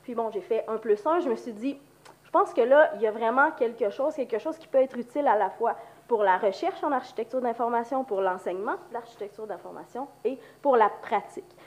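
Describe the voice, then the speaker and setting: Female lecturer, Quebec French accent, fairly high voice, speaking with the flu; informal conference talk. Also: fairly quick. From Quebec, Canada. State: has the flu. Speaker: university lecturer and researcher.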